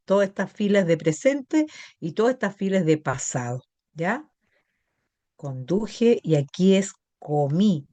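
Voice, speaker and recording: A middle-aged English teacher with a Chilean Spanish accent patiently explains grammar to her class, frequently using tag questions to check that students follow. Her voice sits low with a darkish tone and no echo.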